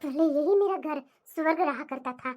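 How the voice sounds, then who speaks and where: Cartoon figure: a fed-up, indignant young daughter-in-law, voiced by a woman, very high-pitched. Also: normal speed, loud music behind the voice, close to an everyday voice. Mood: complaining. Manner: indignant, complaining. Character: wronged young wife, fed up.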